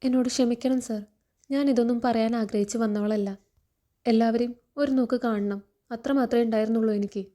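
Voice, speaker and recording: A gentle, earnest young woman, read out by a woman in a fairly high, mellow voice. She pleads softly and sincerely. The reading stays close to plain storytelling speech. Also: steady tone, a little fast, lightly acted. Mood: earnest, pleading.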